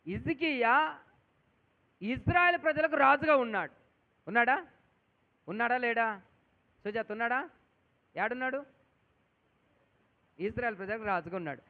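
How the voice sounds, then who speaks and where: A male pastor preaching, quizzing the congregation by name and shouting call-and-response exclamations. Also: very high-pitched. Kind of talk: sermon. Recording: tinny phone-like lo-fi recording.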